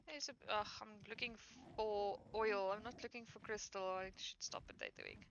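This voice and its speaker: A woman's voice: medium pitch, fairly even intonation, normal speed, creaky, fairly bright tone. Tired woman rambling through gameplay commentary. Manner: rambling, self-correcting, many fillers. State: tired, yawning. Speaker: gaming streamer. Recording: dull lo-fi mic with faint noise.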